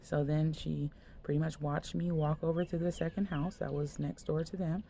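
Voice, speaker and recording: Woman minister, gravelly low-pitched voice, casual rambling sermon delivery, faint background hiss. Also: fairly even intonation, moderate pace, dark tone. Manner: conversational, loose, many fillers like "like". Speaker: minister sharing a dream. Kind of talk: casual spoken sermon, retelling a dream.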